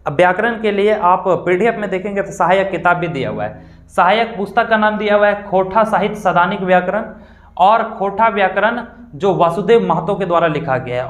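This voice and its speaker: A man teaching an online exam-prep class, explaining patiently and repeating his points as he addresses the viewers as friends. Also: high voice. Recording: roomy echo.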